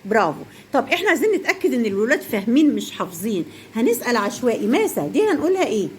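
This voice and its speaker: Quick high-voiced Egyptian woman teacher. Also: sing-song, darkish tone, a little hiss or hum. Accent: Egyptian Arabic. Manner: encouraging, quizzing and praising pupils. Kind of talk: teaching young children and explaining to parents.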